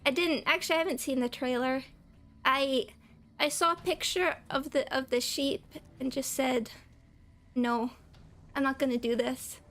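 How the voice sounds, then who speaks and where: This young streamer has a voice that sits high and sounds a bit bright, keeping a steady tone at normal speed as she plays a game and chats with viewers. She's a little scratchy from a cold, chatty and giggly, frequently laughing and greeting people by name.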